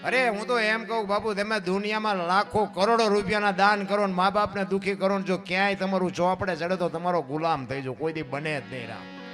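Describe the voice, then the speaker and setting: A man giving a dayro storytelling sermon, moving between soft musing and loud impassioned declaiming, and putting questions to his audience. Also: high-pitched, fairly even intonation, a little fast. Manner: asks the audience questions directly. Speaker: folk storyteller. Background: guitar music.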